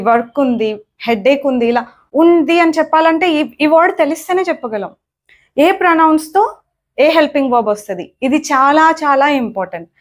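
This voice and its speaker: Young female language teacher, patient and repetitive, drilling grammar. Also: sits high. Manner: repetitive, checks in with "okay?" often. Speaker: English teacher. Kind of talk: spoken lesson explaining grammar.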